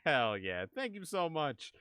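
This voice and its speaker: A man livestreaming a video game, chatting casually and excitably with viewers in an animated, exclaiming way. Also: a little high, measured pace. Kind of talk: casual livestream gaming chat and commentary.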